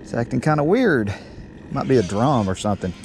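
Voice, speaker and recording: A middle-aged man fishing from a small boat on calm water talks fairly quickly in a mid-range voice, keeping his vlog chat casual and folksy. His body-worn action camera captures it outdoors with steady background noise.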